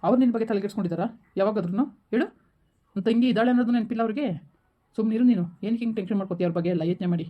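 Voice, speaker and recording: A woman's voice: mid-range voice, very fast, muffled recording, close to an everyday voice. Woman playing a coaxing village husband. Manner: coaxing, reassuring. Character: village husband, dismissive then soothing. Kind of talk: village skit acting.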